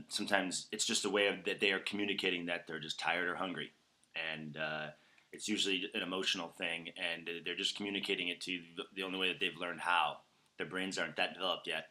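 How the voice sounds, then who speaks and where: Guy vlogging, kinda low pitched but super bright and forceful, lots of ums and restarts. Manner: rambling with many fillers and restarts; animated, voice rising when acting out examples. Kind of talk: casual talking-head vlog.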